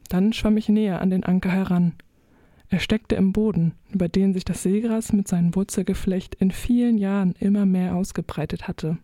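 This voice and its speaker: A woman reading a children's story aloud in a mellow, warm voice, gentle and expressive. She tells it in the first person as a little fish. The recording is close and dry, with no room sound. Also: mid-range voice, no room sound. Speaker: narrator. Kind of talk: audiobook narration of a children's story.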